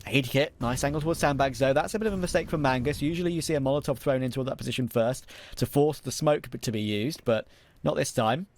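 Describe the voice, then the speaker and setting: A man doing live esports play-by-play as a caster, with excitable, emphatic delivery. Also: medium pitch, fast, slight background noise. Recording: game gunfire and clicks throughout. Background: video game gunfire and clicks.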